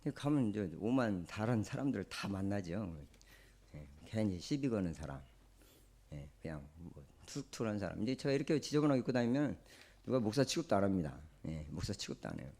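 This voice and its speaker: A man's voice: lowish voice, sing-song, brisk, darkish tone. A male pastor with a Jeolla Korean accent, preaching a sermon in a conversational, storytelling way. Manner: conversational, storytelling, acts out quoted speech.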